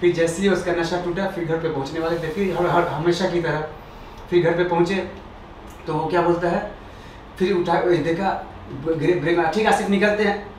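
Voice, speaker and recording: A man's voice: fairly high pitch, steady tone, normal speed, a little mellow, slight background noise. A young man telling a rambling comic story, correcting himself and acting out the dialogue, recorded far off in an echoey room. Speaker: stand-up comedian. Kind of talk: storytelling stand-up.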